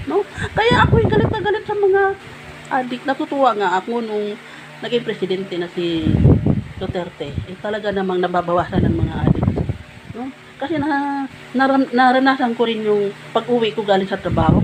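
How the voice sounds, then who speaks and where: A woman vlogger casually telling a personal story to her viewers, chatty and full of fillers. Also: medium pitch. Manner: chatty, addresses viewers as guys, many fillers like ano. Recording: noisy background.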